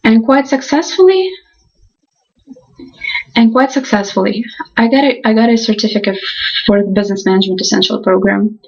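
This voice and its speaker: Reading aloud for a class presentation, this young woman sounds earnest and halting, frequently starting her sentences over. She's a college student from Ukraine and a native Russian speaker, with a slightly high, breathy, a little mellow voice. The audio comes across muffled and lo-fi.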